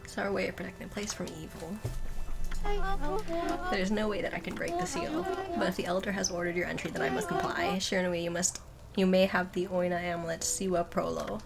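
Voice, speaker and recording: A woman's voice: lowish voice, expressive, a little fast, gravelly, over loud music. A woman voicing a solemn village gatekeeper who guards a sealed forest in a video game, formal and dutiful.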